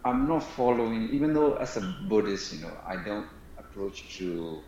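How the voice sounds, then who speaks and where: A man from Burma speaks English with a Burmese accent, hesitant and full of restarts and shy laughs. His voice sits very low. The sound is roomy and echoey. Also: lively intonation, normal speed, dark tone, highs cut off, a little hiss or hum. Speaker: questioner. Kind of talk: casual conversation.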